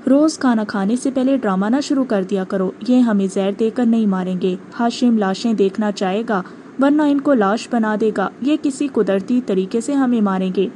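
A woman's voice: a little high, warm tone, slight background noise, natural voice. A woman reading the part of a blunt, tough male fellow prisoner, curt and commanding. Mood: stern.

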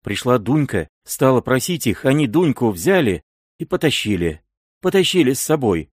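A man's voice: medium pitch, very animated, normal speed, breathy edge, no echo, studio quality, voice pushed up. A man reading an audiobook, voicing a frightened twelve-year-old peasant boy who speaks in a trembling, breathless rush. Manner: breathless, pleading.

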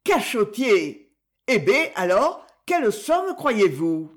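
A woman voices a talkative, jealous village washerwoman, speaking in a shrill, quick-tongued way with big pitch swings. Her mood is prodding.

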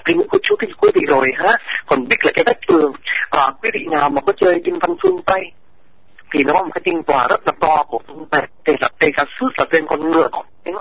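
A man presenting an educational radio talk, explaining at length, addressing listeners formally, and pausing often to hesitate. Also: on the high side, a bit bright, husky, dry recording, rough recording.

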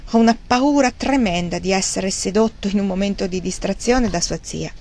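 Woman reading as a wry, grieving old gentleman. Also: mid-range voice, normal speed, vocal fry, slight background noise, lightly acted. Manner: wry, rambling, self-mocking. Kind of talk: audiobook character reading.

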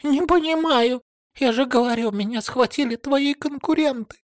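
A high, shaky, pleading voice of a scheming young woman, played by a male reader in an audiobook. She sobs and begs in slow, drawn-out phrases, sounding frightened yet false. The sound is dry and close. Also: no room sound. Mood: panicked. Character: young deceitful woman feigning tearful fright. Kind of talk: audiobook reading.

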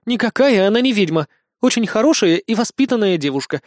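A man's voice: high voice, animated, a little fast, dry recording, clean studio sound, pitched above the performer's own voice. A man voicing a proud young blonde girl who earnestly defends her friend. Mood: indignant. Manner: indignant, earnest.

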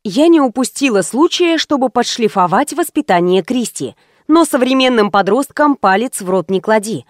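A woman reads a comic first-person novel aloud in an ironic, chatty way. Her voice is high and very lively in pitch. The recording is dry and close. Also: moderate pace, no room sound. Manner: ironic, chatty, addressing listeners. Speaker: audiobook narrator.

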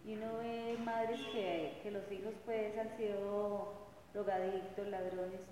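A woman's voice: medium pitch, flat delivery, takes it slowly, warm tone, a little hiss or hum. A woman, speaking up hesitantly from the congregation during a sermon. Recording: distant voice in echoey hall.

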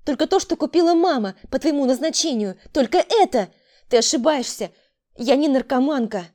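A woman voicing a frightened, defensive younger sister who pleads and protests in a shrill voice. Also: animated, unhurried, warm tone. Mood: desperate.

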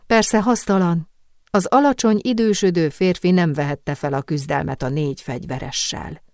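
A woman narrating an audiobook in a dramatic, expressive storytelling manner. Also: lowish voice, no echo, clean studio sound. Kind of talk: scripted narration.

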